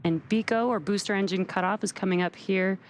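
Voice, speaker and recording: A woman's voice: medium pitch, fairly even intonation, a little fast, a little hiss or hum. A woman hosting a live launch webcast, explaining technical terms plainly as she commentates.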